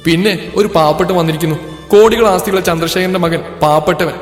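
A man voicing a defiant, sharp-tongued young woman in a told story, recorded in an echoey room with music. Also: high-pitched, fairly even intonation, quick pace, close to an everyday voice. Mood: teasing. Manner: shouting, angry, then teasing. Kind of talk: storybook character voice.

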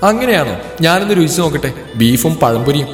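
Man voicing a young woman, high pitch, fiery, sharp-tongued, storybook, music under. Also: very animated, fast. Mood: teasing. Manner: shouting, angry, then teasing. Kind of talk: storybook character voice. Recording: echoey room with music.

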